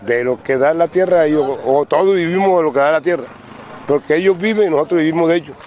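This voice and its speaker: A man's voice: on the high side, fast, darkish tone, a little hiss or hum. A man with a Colombian Caribbean coastal accent, a produce reseller, answering an interviewer in short plain phrases outdoors at a riverside market. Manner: plain-spoken, talks in short listing phrases. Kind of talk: on-the-street interview.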